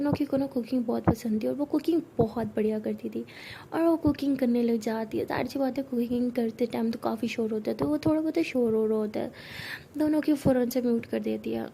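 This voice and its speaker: A woman's voice: on the high side, gravelly, background noise. A young woman telling a love story in a casual, chatty way, full of filler words. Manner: chatty, uses many fillers.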